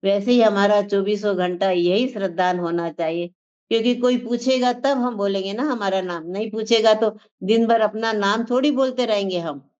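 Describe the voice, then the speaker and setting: A woman giving a spiritual discourse to a class, speaking earnestly and circling back over the same phrases as she teaches. Her voice sits at a middle pitch. The recording sounds muffled and lo-fi. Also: moderate pace, darkish tone. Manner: earnest, repetitive teaching cadence. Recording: dull lo-fi sound.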